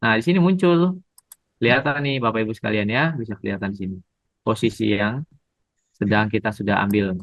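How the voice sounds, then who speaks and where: Seorang pria membawakan pelajaran trading daring secara langsung, sabar menjelaskan dan menyapa pendengar dengan "Bapak Ibu". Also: male voice, on the low side, brisk, a bit bright, no echo, poor audio. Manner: patient, addresses audience as Bapak Ibu. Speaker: trading instructor. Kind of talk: live online trading lesson.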